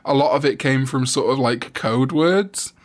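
Young man, Welsh accent, casual chat, mid-pitched, swears and laughs a lot. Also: moderate pace. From Wales. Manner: laughs often, swears freely, quizzes his friend.

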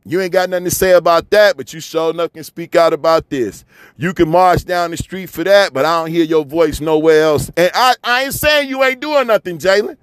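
A man's voice: on the high side, a little fast, smooth, no echo. A man from Chicago delivering a fiery, repetitive, preachy monologue rant, often swearing as he hammers his points home. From Chicago, USA. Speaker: commentator.

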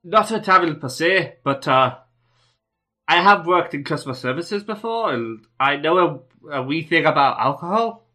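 A man's voice: a little high, lively intonation, normal speed, sharp tone, soft background music. A man voicing a nervous, eager young man with a Scottish accent, politely stammering through a tavern job interview. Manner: overly polite, fawning, stammering.

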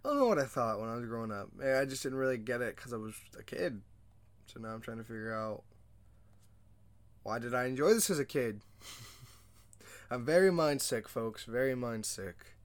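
A man's voice: medium pitch, moderate pace, long pauses. Rambling young man hosting a movie podcast. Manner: rambling, loose, with many fillers and self-mocking jokes. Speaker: podcast host. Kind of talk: casual movie discussion.

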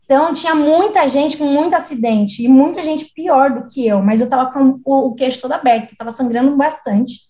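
Moça brasileira contando história num papo solto, imita todo mundo, som de sala ecoando. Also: female voice, sits high, fairly quick, hardly any pauses, dull audio. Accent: Brazilian Portuguese. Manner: animated, acts out quoted voices. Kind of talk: casual storytelling chat. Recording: echoey room.

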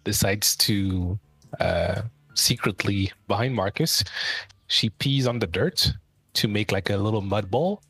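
A man's voice: lowish voice, measured pace, fairly bright tone, breathy edge. A man playing a tabletop game, describing his character's actions hesitantly with fillers. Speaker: player. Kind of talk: tabletop role-play chat.

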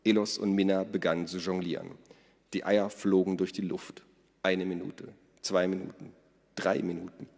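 A man narrates a children's story for radio in a clear, even reading voice. He sits low in pitch. A long hall reverb carries his words. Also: moderate pace.

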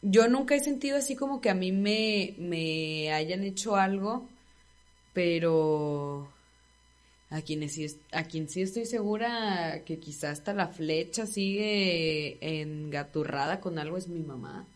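A young woman, co-hosting a podcast in relaxed casual chat, often adding short reactions. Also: on the low side, measured pace. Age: young adult. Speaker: podcast co-host.

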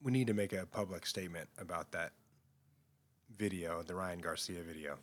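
A man's voice: sits low, moderate pace. A man co-hosting a podcast in casual chat, thinking aloud and musing over questions.

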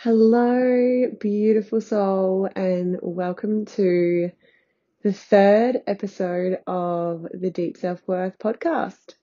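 A woman with a stuffy, nasal voice from being sick talks slowly and unhurriedly in a casual solo podcast chat. Her tone is soft and mellow, and she rambles loosely as a healing coach would. The sound is slightly dull, like a lo-fi recording made at home on a bed. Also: medium pitch, fairly even intonation. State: nasal and congested from illness.

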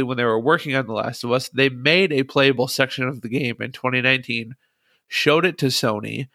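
A man's voice: mid-range voice, pushed and bright, dry recording, studio quality. A man hosting a casual gaming podcast, chatty and frank, laughing often. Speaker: podcast host.

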